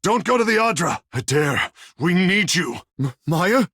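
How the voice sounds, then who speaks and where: Tekēhu, theatrical swooping sea-folk godlike. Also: male voice, high voice, sing-song, unhurried, fairly bright tone, slightly rough, no echo, studio quality, full character voice. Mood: urgent battle cries. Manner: languid, flirtatious, grandiose, formal phrasing. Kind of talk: fantasy video game character dialogue.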